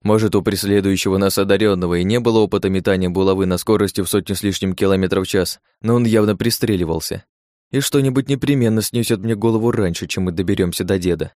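Male audiobook narrator, low voice, dry close recording, steady first-person reading. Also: quick pace, no echo.

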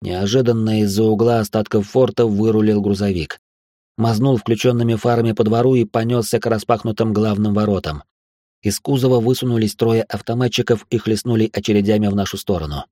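A man narrates an audiobook in a low, steady voice. The recording is dry and close to the mic, with no room sound. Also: a little fast, dry recording. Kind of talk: first-person audiobook narration.

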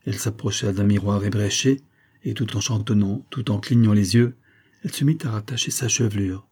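Brief: low, dark-toned male narrator, husky, measured audiobook storytelling. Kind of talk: scripted narration of a classic short story.

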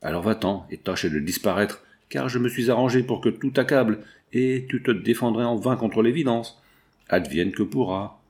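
A man's voice: fairly low pitch, moderate pace, darkish tone, close to an everyday voice. A man voicing a cynical, brutal male foreman who gives orders and threats. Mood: cold. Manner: cynical, commanding.

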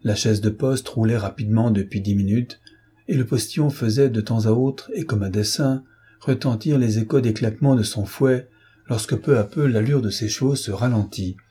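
Man, audiobook narration, measured, dark tone, husky voice. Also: fairly low pitch. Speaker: audiobook reader.

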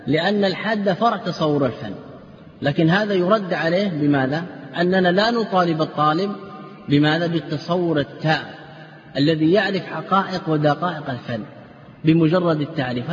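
A man's voice: a little high, brisk, slight background noise. A man teaching a classroom lecture. He quizzes his students with rhetorical questions, answers them himself, and drills word forms over and over. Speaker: Islamic scholar teaching a class. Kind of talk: classroom lecture on legal theory and grammar. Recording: dull echoey hall lecture recording.

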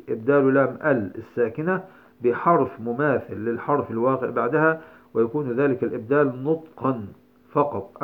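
A man giving a tajweed lesson, explaining the rules step by step with frequent "aah" fillers. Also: mid-range voice. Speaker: Quran recitation teacher. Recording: tinny phone-like lo-fi audio.

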